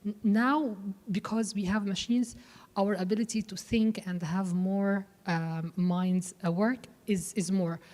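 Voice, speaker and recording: A woman's voice: medium pitch, steady tone, measured pace, darkish tone. Hesitant woman in echoey hall. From Egypt. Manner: hesitant, many fillers and restarts. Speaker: panelist. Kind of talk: panel discussion. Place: expo hall panel. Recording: reverberant hall.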